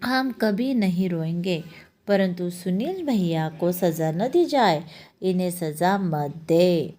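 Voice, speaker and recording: Woman doing a little crybaby boy, pleading, slow. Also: fairly low pitch, animated, mellow. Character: small tearful pleading boy.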